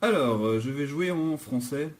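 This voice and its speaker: A man's voice: a little high, lively intonation, a little slow. A man giving let's play commentary, nervous and jokey, often restarting his sentences. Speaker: gaming channel host.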